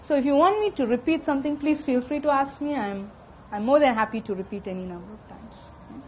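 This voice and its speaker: Speaking fast into a handheld mic, a middle-aged woman with an Indian accent delivers a technical lecture to an audience in a conference room, repeatedly asking "okay?" to check in. Her voice is high-pitched, and there's a slight hiss or hum on the recording.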